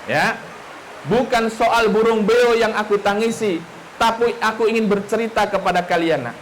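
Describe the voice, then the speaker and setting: A man voicing a gentle, solemn male religious teacher who speaks slowly and repeats himself as he confides. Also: high-pitched, fairly even intonation, slight background noise, close to an everyday voice, rough recording. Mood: sorrowful. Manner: slow, confiding, repeats his words.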